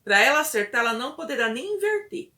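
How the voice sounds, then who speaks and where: A woman instructor delivers a patient, step-by-step lesson, stopping often to check that her listeners are following. Her voice is bright, with a sharp edge to it. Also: high voice, big pitch swings, quick pace.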